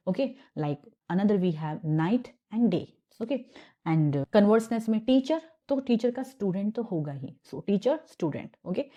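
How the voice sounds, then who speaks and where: A woman's voice: medium pitch, mellow. A woman with an Indian accent teaching an exam revision lesson, switching between Hindi and English and asking her students questions as she explains.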